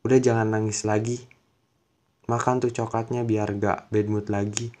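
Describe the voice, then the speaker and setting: A man voicing a blunt, cool young male schoolmate, slangy and gruff. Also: on the low side, flat delivery, normal speed, dark tone, close to an everyday voice. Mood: coaxing. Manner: gruff then coaxing, slangy.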